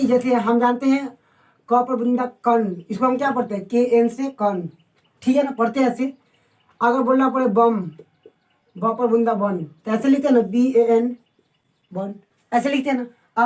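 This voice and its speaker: Woman, somewhat high-pitched, casual online teacher, repeats words slowly, quizzes the viewers. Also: a little mellow, poor audio. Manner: asks the viewers questions. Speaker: Hindi teacher.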